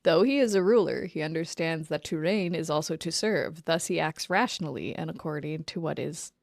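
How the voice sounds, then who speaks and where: Gravelly-voiced woman co-hosting a podcast. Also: low-pitched, a little fast, a little mellow, no echo, clean studio sound. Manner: laughs often, reads aloud then chats. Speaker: podcast co-host. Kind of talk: casual chat and reading tarot card meanings. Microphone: remote call recording.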